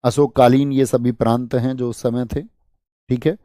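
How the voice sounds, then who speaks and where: A male teacher from India giving a fast exam-prep history lecture, firing questions at students and answering them himself. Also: mid-range voice, level tone, mellow, no room sound, studio quality.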